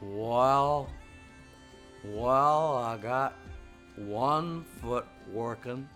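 A man voicing a slow, patient and determined male tortoise in a told story, drawing out his words. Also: medium pitch, fairly bright tone, soft background music. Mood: straining. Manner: slow and drawn out.

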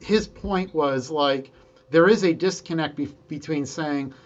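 A man telling stories from his engineering career in a casual conversation, lively and quick to act out the people he quotes. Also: on the high side, dull audio. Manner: animated storyteller, quick to quote himself and others. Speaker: guest engineer.

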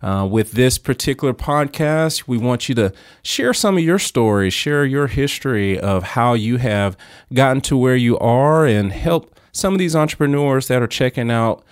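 A man's voice: mid-range voice, lively intonation, moderate pace, clean tone, dry recording. Man hosting a podcast, dry sound. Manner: friendly, brief affirmations. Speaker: podcast host. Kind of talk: interview hosting.

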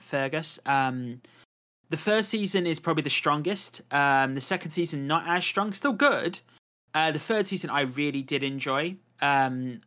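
A man hosting a relaxed podcast, chatting about games and shows. He rambles easily, stacking fillers and tacking "to be honest" onto his thoughts. His voice sits at an ordinary middle pitch. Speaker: podcast host. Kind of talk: casual chat.

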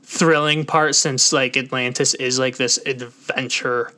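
Young man, podcast host, bright voice, casual chat, rambling, filler-heavy. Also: mid-range voice, unhurried. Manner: relaxed, rambling with many "like" fillers.

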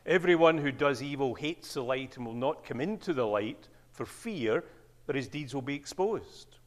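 An older Scottish man preaches in a church with a mid-pitched voice. He tells his stories in an animated way, his pitch leaping up and down. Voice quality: animated storyteller, wide pitch swings on quoted speech. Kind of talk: sermon with anecdotes.

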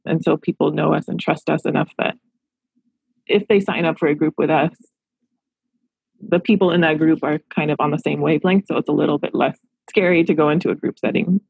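A woman in her thirties speaks as a therapist in an interview, reflective and earnest. Her voice is low-pitched and husky, with a gravelly edge. The recording is dry and close. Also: steady tone, brisk, a little mellow, no room sound, poor audio. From Los Angeles. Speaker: therapist and practice owner. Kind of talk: podcast interview answers.

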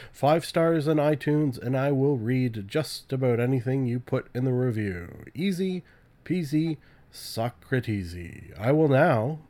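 A man's voice: medium pitch, warm tone. Guy with a cold doing his podcast solo, rambly and joking at himself, lots of uhs. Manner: rambling, self-mocking, many filler "uh"s. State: sick, voice deepened by illness. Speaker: podcast host. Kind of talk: casual solo podcast talk.

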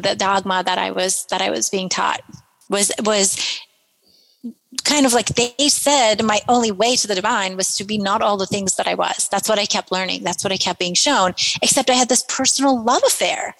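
Woman guest from Iran, mid-pitch voice, animated storyteller, long room reverb. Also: normal speed, creaky. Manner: animated storyteller with many fillers and restarts. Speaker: podcast guest. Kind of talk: casual storytelling in conversation.

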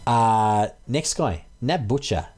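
A man's voice: medium pitch, slow pace, a little mellow. A man co-hosting a casual fantasy sports podcast, giving his analysis in a conversational, tentative way. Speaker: podcast co-host.

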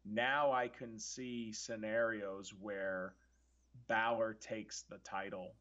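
A man's voice: on the low side, flat delivery, takes it slowly, fairly bright tone, dull audio. A man co-hosting a casual wrestling review podcast, earnest and analytical, often restarting his sentences as he thinks aloud. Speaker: podcast co-host.

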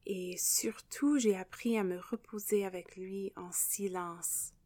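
Soft-spoken English-Canadian woman, dry sound. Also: mid-range voice, fairly even intonation, slow pace, no room sound. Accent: English-speaking Canadian. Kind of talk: devotional podcast talk.

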